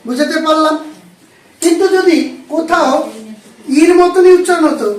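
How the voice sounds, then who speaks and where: A man with a high voice leads a classroom grammar lesson. He drills his students with repeated questions and spells words out letter by letter. He is heard from across an echoey classroom. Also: normal speed, far from the mic. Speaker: English grammar teacher.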